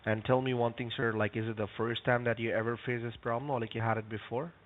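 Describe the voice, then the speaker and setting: A man speaks over a thin, tinny telephone connection in a mid-pitched voice. He works through tech support talk politely, addressing the listener as sir, and his v sounds come out like w. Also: flat delivery, fast. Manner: says v like w. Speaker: phone scammer posing as tech support agent. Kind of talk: scripted phone support talk turning to chat. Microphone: phone call. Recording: tinny narrow phone line.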